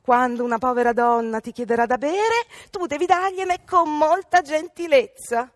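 A woman voicing a shrill, scheming older mother in a storybook reading, exclaiming in a high voice. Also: normal speed, no echo, lightly acted. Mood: coaxing.

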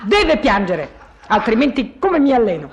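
An actress playing an eager, doting young wife in a radio comedy sketch, sugary and full of English pet names. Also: female voice, a little high, very animated, normal speed, lo-fi sound, slight background noise. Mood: earnest.

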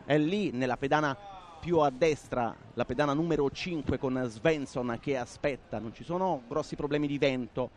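A man's voice: mid-range voice, normal speed, a little hiss or hum. A man giving live sports commentary in a partisan, dramatic way, repeating key phrases. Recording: outdoor venue with crowd behind.

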